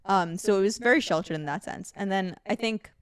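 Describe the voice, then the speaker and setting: A woman's voice: medium pitch, a little fast, clean tone, no echo. A young woman from India co-hosting a podcast, talking in a reflective, chatty way with many fillers. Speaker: podcast co-host. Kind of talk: casual conversation.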